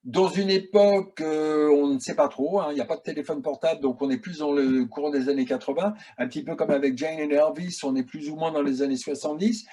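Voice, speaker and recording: Husky, mellow-voiced man telling stories. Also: on the high side, a little fast, few pauses. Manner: chatty, animated storytelling. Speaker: guest filmmaker. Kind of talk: casual interview answers.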